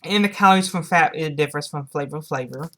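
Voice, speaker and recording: Low-voiced woman giving a casual review. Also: fast. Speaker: product reviewer making videos for viewers. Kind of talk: casual product review to camera.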